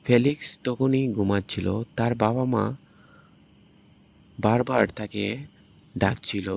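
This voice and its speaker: Guy telling a movie story, lowish creaky voice, bit of noise behind him. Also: darkish tone. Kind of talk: movie recap narration.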